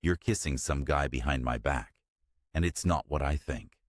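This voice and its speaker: A man's voice: rumbling low, normal speed, no echo, clean studio sound. A man voicing an angry, betrayed young fiancé who speaks sharply and demands answers. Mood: angry, accusing.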